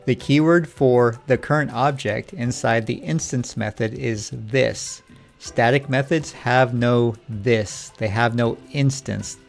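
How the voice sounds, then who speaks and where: A man's voice: mid-range voice, slow, creaky, soft background music. A man teaching programming in a scripted lesson dialogue, patient and Socratic, asking questions to lead his student. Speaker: programming instructor.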